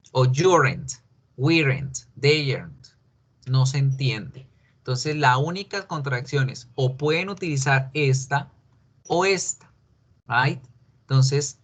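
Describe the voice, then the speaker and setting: A man teaching an English grammar class in Spanish, explaining slowly and patiently and putting questions to his students. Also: medium pitch. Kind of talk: online class lecture.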